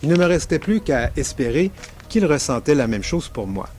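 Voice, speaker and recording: A man's voice: on the high side, very animated, normal speed, darkish tone. A man with a Québécois accent, reading his own story aloud in a wry, self-mocking tone. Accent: Québécois French. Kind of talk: literary reading.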